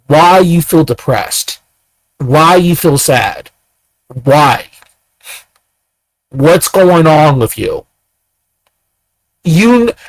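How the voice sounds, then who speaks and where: A man in his thirties with a high voice rants as he reacts to clips, firing off one rhetorical question after another. The recording is dry and rough.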